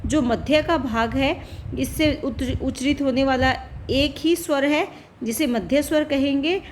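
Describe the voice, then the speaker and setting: Woman, high-pitched voice, teacher, patient explanatory lesson, rhetorical questions, faint background hiss. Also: measured pace. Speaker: Hindi teacher. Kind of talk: classroom-style lesson explanation.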